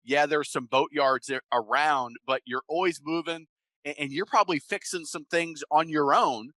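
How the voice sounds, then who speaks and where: A man's voice: fairly high pitch, moderate pace, pushed and bright, no room sound. A man hosting a casual interview, asking long, rambling questions full of fillers and restarts. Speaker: interview host, boating coach.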